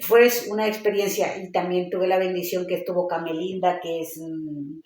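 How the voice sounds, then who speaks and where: A woman's voice: on the low side, little pitch movement, normal speed, darkish tone. A woman giving a personal testimony in a casual interview, telling it with animation and acting out the voices she quotes. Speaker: interview guest. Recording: roomy echo.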